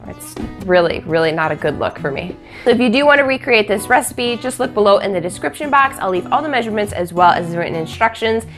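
A woman's voice: mid-range voice, lively intonation, fast talker. A young woman with a congested, honking nasal voice and sore throat, chattily and playfully hosting a casual recipe tutorial. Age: young adult. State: stuffed nose and sore throat. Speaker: cooking video host. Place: home kitchen, indoors. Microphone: lapel mic. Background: music.

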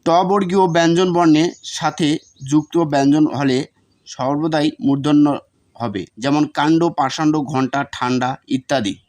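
Male tutor, slightly high register, reads study notes, repeats words for pronunciation. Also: normal speed, darkish tone. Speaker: teacher. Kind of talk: reading exam notes aloud.

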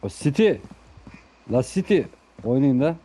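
A young man commentating a team shooter game live, excitedly urging and ordering his teammates. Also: mid-range voice, a little slow, heavy background noise. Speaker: gaming YouTuber. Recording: gunfire from the game behind the voice.

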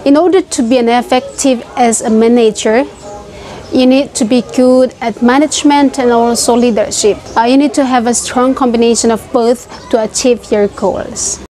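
A young job-seeking woman in her twenties delivers a careful, rehearsed self-introduction for a video CV, listing points one by one in an Indonesian accent, since Indonesian is her native language. Her high-leaning voice is mellow and moves at a moderate pace, with soft background music. She was recorded on a lapel mic in an open-air wooden pavilion.

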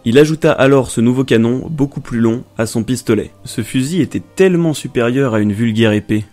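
A man reads a dark story aloud in a steady, even narration set in a middling male register. Afterward he chats casually to his viewers as the video's host. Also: medium pitch. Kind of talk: reading a story aloud, then casual comments.

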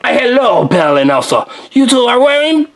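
A woman's voice: a little high, sing-song, moderate pace. A woman doing a gallant candlestick butler. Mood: charming. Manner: flowery and courtly. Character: flattering, gallant male candlestick servant. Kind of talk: toy play voice.

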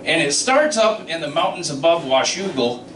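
A middle-aged man with a voice on the high side delivers trucking stand-up at a moderate pace and with lively intonation, mixing in sound effects and crowd asides. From the audience, his handheld mic on a small club stage sounds far off and echoey, amid a noisy background and laughter.

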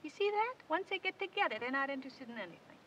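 A gushing eager mother, very high voice, bright, coaxing, old film sound with music. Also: very animated, muffled recording, a little hiss or hum, heavily acted. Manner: gushing, rapid, coaxing, scattered. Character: restless eager young mother hosting kids.

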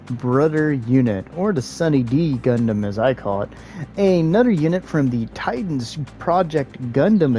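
A man hosting his gaming channel, giving relaxed, casual gameplay commentary with joking asides and the odd filler pause. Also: mid-range voice.

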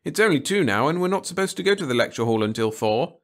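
A man reads a storybook character, a strict and complacent woman teacher, talking fast with his voice pushed up high. Big pitch swings mark her prim, firmly authoritative scolding.

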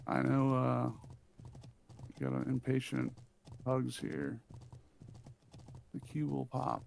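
A man joining friends in an online game over a headset, relaxed and reassuring and swearing casually. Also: mid-range voice, slow, vocal fry, slight background noise. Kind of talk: casual gaming chat with friends.

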